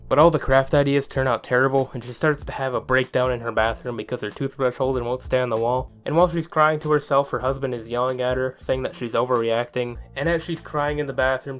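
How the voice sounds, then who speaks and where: A young man doing sarcastic, profane comedic commentary as a YouTuber, sometimes slipping into a mock infomercial voice. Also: medium pitch.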